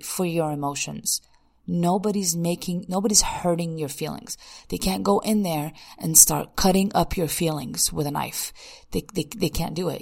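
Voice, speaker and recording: A woman hosts a self-help talk with a heavily gravelly voice and a husky edge. She talks in a candid, coaching way and keeps turning to rhetorical questions. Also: deep voice. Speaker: podcast host.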